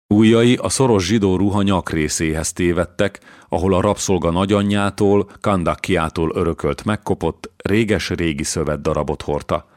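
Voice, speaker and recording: Deep-voiced male audiobook narrator. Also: no room sound, studio quality. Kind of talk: scripted historical novel narration.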